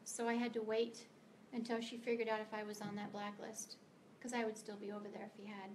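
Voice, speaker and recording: A woman's voice: on the high side, a little hiss or hum. A middle-aged American woman giving a prepared speech to a meeting as a guest author, earnest and emphatic, sometimes stumbling over words. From United States. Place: meeting room of a library.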